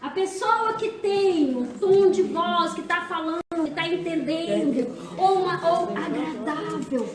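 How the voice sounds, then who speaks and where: A woman's voice: extremely high pitch, measured pace, few pauses. A Brazilian woman pastor leading a women's church seminar, chatty and teasing, often asking her listeners questions. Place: church hall. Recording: echoey hall, distant mic.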